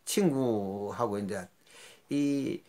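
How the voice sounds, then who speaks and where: An older man hosts his own channel, telling rambling, folksy stories from his rural youth in a casual monologue. His voice is warm and very slow, with sudden jumps in pitch.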